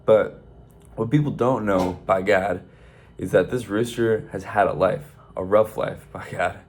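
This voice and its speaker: A man's voice: fairly low pitch, a little slow, husky. A man telling a long, rambling shaggy-dog joke in a folksy storytelling manner, peppered with "by God". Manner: folksy, rambling, repeats 'by God'. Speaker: comedian.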